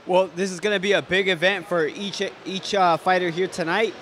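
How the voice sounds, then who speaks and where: A man giving boxing broadcast commentary as a guest, in a hesitant, halting way. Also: high voice, fairly even intonation, fairly bright tone, a little hiss or hum.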